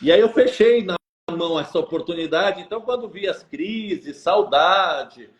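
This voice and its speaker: A man's voice: high-pitched, animated, moderate pace, echoey room, highs cut off. A man with a Brazilian Portuguese accent, a podcast guest telling his personal story with emphatic, dialogue-filled storytelling. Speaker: guest, recovery ministry founder. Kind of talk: personal testimony in a podcast interview.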